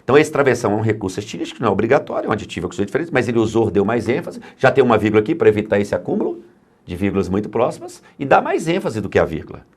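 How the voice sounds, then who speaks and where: Lively, emphatic male grammar teacher. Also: fairly low pitch, racing. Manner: emphatic, asks and answers his own questions. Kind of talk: grammar lecture for exam prep.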